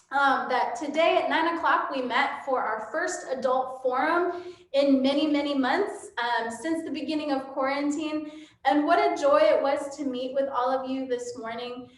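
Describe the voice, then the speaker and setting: A high-voiced woman leads a church service and gives announcements to a streamed congregation, speaking unhurriedly with frequent ums. A room microphone for the livestream picks her up in a church sanctuary with heavy, cathedral-like echo from the large hall.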